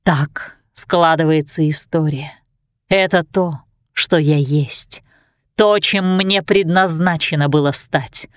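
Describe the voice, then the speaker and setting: A woman voicing a dark sorceress who speaks slowly and solemnly. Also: deep voice, no room sound, studio quality. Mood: brooding. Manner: slow, solemn. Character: dark brooding sorceress queen.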